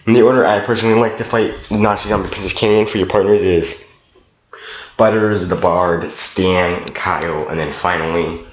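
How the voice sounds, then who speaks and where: A deep-voiced man from Canada talks through a video game in a casual, wandering way, swearing freely as he recaps. His voice bounces around a roomy space, with a faint hiss of noise underneath. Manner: profane, loose and meandering. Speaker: game reviewer. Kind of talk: casual rambling game review.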